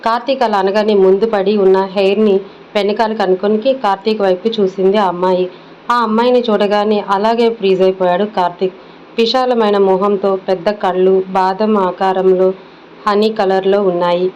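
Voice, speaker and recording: A woman storyteller giving scripted narration of a romance serial in a steady, even way. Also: medium pitch, moderate pace, a little hiss or hum. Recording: dull lo-fi audio.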